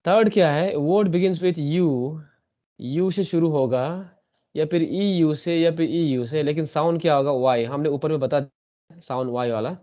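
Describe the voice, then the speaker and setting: A man's voice: a little high, normal speed, muffled recording. A man teaching an English grammar lesson in an online class, repeating sounds and asking checking questions. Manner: repetitive, drills sounds, asks checking questions.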